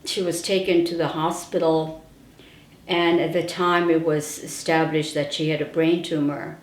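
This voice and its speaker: Her voice deep and level, her pace measured, an older woman shares personal childhood memories in an oral-history interview. She tells them as a storyteller with wry asides, and the room gives off a noticeable indoor echo.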